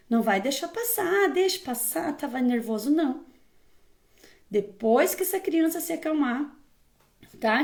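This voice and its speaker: High-voiced woman giving firm parenting advice. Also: a little mellow. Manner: firm and emphatic, often checks in with the listener. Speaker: parenting educator. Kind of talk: casual advice talk to viewers.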